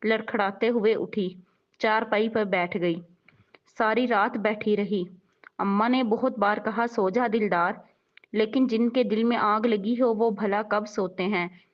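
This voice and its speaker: A woman narrating a sorrowful, dramatic story, giving the characters' lines softly in her own telling. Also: mid-range voice, steady tone, a little slow. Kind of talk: emotional scripted narration. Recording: dull lo-fi recording.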